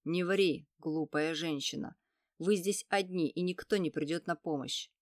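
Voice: medium pitch, measured pace, no room sound, studio quality, lightly acted. A reader voicing a big brutish male forest creature, crude and mocking, in an audiobook. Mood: dismissive. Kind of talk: audiobook reading.

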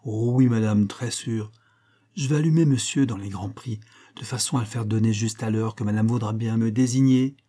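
A man voicing a calm, scheming young female maid, politely deferential and matter-of-fact. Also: lowish voice, moderate pace, close to an everyday voice. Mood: assured.

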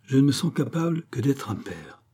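A resigned king, calm and patient, in a dark, husky voice. The audiobook reading stays even and measured. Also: medium pitch. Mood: weary calm.

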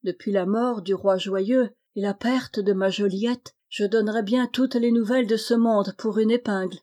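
A woman's voice: medium pitch, steady tone, normal speed, warm tone, natural voice. A woman voicing a sorrowful widowed queen.

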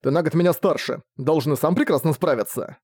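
A man's voice: on the high side, a little fast, a little mellow, no echo, clean studio sound, close to an everyday voice. A man voicing an irritable, determined young magic student who talks in a curt, dismissive way.

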